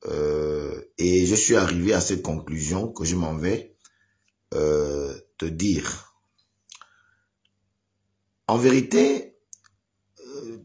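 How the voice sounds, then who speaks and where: A man's voice: low-pitched, a little mellow. A man giving advice in a live video, hesitant with many fillers, growing emphatic. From Gabon. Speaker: online commentator giving advice.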